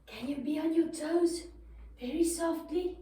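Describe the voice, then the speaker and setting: A woman with an extremely high-pitched yet dark-toned voice tells a children's story at an unhurried pace, guiding young listeners through yoga moves with simple, encouraging step-by-step instructions. The room is very echoey and the mic is distant.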